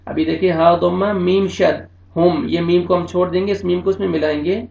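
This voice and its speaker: In a recorded online recitation lesson, a male Quran teacher with an Urdu-speaking accent spells out letters and vowels, then slowly draws out each joined word, briskly and matter-of-factly explaining the rules between readings. His voice is fairly high and creaky, and the home recording sounds dull and roomy.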